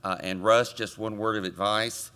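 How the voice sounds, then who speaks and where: A man chairing a committee, delivering a conference report from a podium microphone with relaxed joking asides to the audience. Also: on the low side, normal speed, smooth. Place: conference meeting room.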